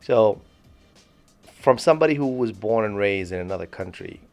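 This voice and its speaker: A man from Morocco co-hosting a podcast, talking in a thoughtful, halting way with many restarts. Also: fairly low pitch, expressive, darkish tone, soft background music. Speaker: podcast co-host. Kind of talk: casual discussion.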